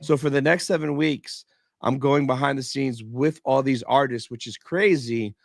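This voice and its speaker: A man's voice: medium pitch, steady tone, moderate pace, gravelly, no room sound, clean studio sound. A man hosting a fan podcast, chatting casually with slangy, informal wording and repeated emphasis. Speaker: podcast host. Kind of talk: casual chat.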